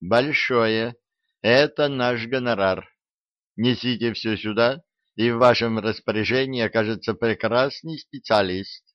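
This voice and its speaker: A man's voice: medium pitch, unhurried, dry recording, close to an everyday voice. Man doing a polite agency clerk. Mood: businesslike. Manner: polite, businesslike. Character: polite smooth-talking male agency clerk. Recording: dull lo-fi.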